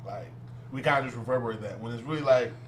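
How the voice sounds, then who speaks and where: A man's voice: medium pitch, fast talker, slight background noise. A man co-hosting a casual podcast chat, rambling loosely and laughing often. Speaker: podcast co-host.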